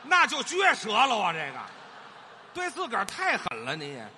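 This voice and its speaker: A man's voice: high-pitched, wildly swooping pitch, normal speed, bright, forceful tone. A man playing the straight man in a crosstalk comedy duo, answering with short interjections and dry quips. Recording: faint noise.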